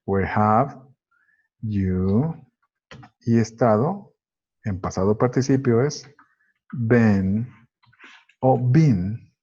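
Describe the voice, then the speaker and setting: A man whose first language is Spanish, teaching an English grammar lesson, slowly working through each example step by step. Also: lowish voice, a little mellow, slightly rough. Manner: slow, methodical, explains step by step. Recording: dull lo-fi recording.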